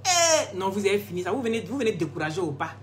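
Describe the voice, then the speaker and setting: Talking fast and very animated, this medium-pitched woman hosts a casual phone live stream selling skin products. She answers comments with chatty teasing and lots of laughter, over a little hiss or hum.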